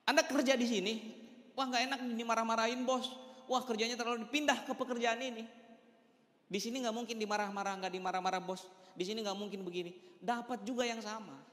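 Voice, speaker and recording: A man's voice: high voice, fairly bright tone. A man giving an emphatic motivational talk to a live audience, speaking straight to them. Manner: emphatic, addresses the audience directly, mixes in English words. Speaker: motivational speaker at a business meeting. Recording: echoey hall with long reverb.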